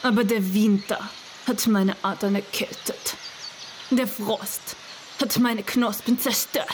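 A woman's voice: mid-range voice, fairly even intonation, slight background noise, lightly acted. A woman voicing a sorrowful frost-bitten rose bush. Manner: subdued, slow, solemn.

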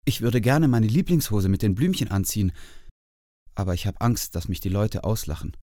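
Timid young hare, nervous and high, read by a man. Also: expressive, normal speed, dark tone, dry recording, clean studio sound, close to an everyday voice. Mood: anxious.

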